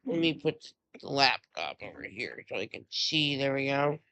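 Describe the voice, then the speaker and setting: A woman's voice: very deep voice, very animated, normal speed, sharp tone. A woman chatting casually and hesitantly over her gameplay at home. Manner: easygoing, hesitant with fillers. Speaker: gaming streamer. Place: home room.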